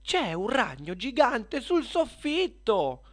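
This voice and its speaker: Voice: sing-song, slow. A storyteller voicing a mother who screams at a spider, in a children's storybook reading. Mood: alarmed. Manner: high, screaming for help. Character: mother, easily frightened.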